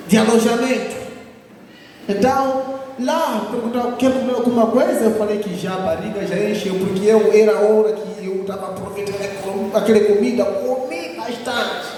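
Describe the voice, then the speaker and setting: A man from Mozambique with a Mozambican Portuguese accent, a missionary preacher telling his testimony with animated laughter and exclamations. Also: sits high, a little hiss or hum. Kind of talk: sermon testimony. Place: large echoey church hall. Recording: echoey hall, distant mic.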